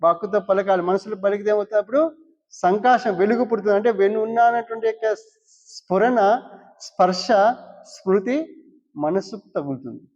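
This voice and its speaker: A high-voiced man gives a spiritual discourse. He poses questions to his listeners and answers them himself, repeating key words. The recording is dull and lo-fi, and a long hall reverb trails each phrase. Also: normal speed, long pauses, a little mellow. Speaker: spiritual teacher.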